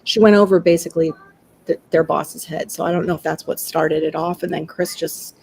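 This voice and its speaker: A woman's voice: sits low, steady tone, a little fast, a little mellow, breathy edge, rough recording. A middle-aged woman chatting casually on a livestream, laughing often and acting out quotes.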